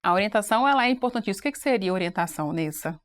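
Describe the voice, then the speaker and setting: A woman presenting on a church program, explaining sign language in a relaxed, quick, animated way. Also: medium pitch. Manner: self-described fast-paced, animated explainer. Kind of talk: casual panel chat.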